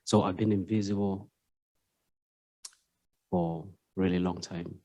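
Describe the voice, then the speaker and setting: A man from Uganda introducing himself hesitantly at an open mic, halting and soft-spoken. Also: low voice, flat delivery. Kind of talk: nervous personal introduction. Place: university exhibition room with seated audience.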